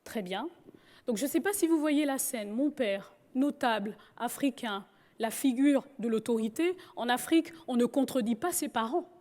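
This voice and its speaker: A woman's voice: on the high side, lively intonation, moderate pace, a little mellow. A woman from Gabon telling her personal story with humor. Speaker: speaker.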